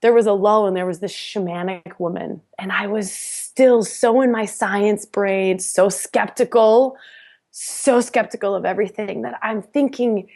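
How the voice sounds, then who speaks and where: Woman guest chatting on a podcast, tells her story all lively, laughs a lot, trips over her words, mid-pitched voice. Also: a little slow. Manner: animated, laughing often, many restarts. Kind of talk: casual storytelling chat.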